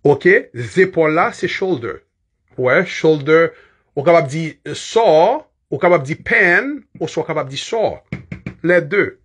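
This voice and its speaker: A man's voice: on the high side, expressive, slow, slightly rough. A man with a Haitian accent teaching English body-part words in a casual lesson, chatty, laughing often and spelling words out letter by letter.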